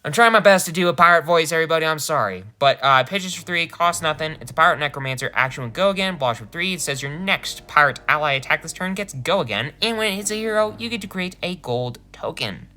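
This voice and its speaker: Man, casual card review, animated, laughs often, corrects himself mid-sentence, bright tense voice, swinging pitch. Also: quick pace, few pauses.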